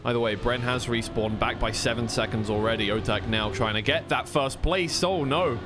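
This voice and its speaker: Speaking at a moderate pace over music, a co-streaming esports caster with a mid-range voice commentates a racing game live. He mixes play-by-play with offhand chat and spoken-aloud thoughts while racing car sounds play in the background.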